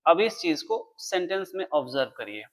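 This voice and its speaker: A man's voice: a little high, very animated, moderate pace. A man teaching an English grammar lesson, explaining step by step and answering his own questions. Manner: writes on a board while explaining.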